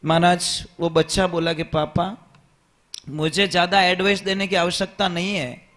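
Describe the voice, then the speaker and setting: A man's voice: sits high, little pitch movement, measured pace, a bit bright. A man with a Rajasthani accent preaching a devotional sermon, telling a family story and acting out its dialogue.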